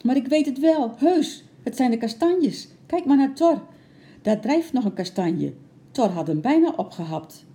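A woman doing an excited little girl. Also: unhurried. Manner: high and eager.

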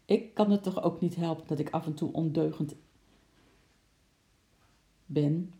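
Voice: medium pitch, measured pace, dark tone, lightly acted. A reader doing a mischievous little monkey. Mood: pleading sweetly.

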